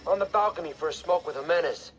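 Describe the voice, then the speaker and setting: An actor playing a police officer answering over a police radio, offhand in tone. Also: male voice, fairly high pitch, quick pace, fairly bright tone, a little hiss or hum. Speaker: cop in a video game.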